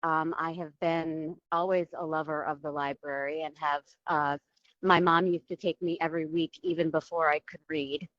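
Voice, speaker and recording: A woman's voice: sits low, fairly even intonation, normal speed, fairly bright tone, no echo. A woman heard over a phone speaker, calling in from an airport, answering interview questions hesitantly with many ums. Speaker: library board candidate. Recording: muffled lo-fi call audio.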